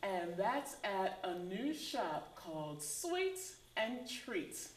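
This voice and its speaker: Slow, measured woman host, echoey. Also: mid-range voice, sing-song. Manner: measured, storytelling explanation. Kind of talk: community TV talk show hosting.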